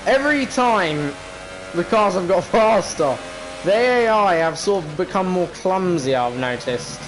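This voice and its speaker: High-pitched, animated British man gaming. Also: unhurried. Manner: grumbling, exasperated, colloquial. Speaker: gamer, video creator. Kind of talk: casual racing game commentary. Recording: racing car noise behind voice. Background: racing game engine sound.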